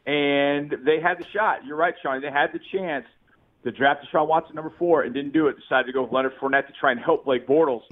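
A man's voice: fairly high pitch, fairly even intonation, fast talker. A man calling in by phone as a sports reporter guest, chatting in an easygoing, storytelling way and laughing often, his Bluetooth line cutting in and out. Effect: phone call over a Bluetooth line that cuts in and out. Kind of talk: casual sports radio chat by phone.

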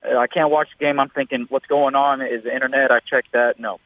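A man's voice: mid-range voice, steady tone, fairly quick, dry recording. Man calling in over a tinny phone line. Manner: rambling storyteller, lots of uh and so. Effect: phone-line caller on a radio show. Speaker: radio show caller.

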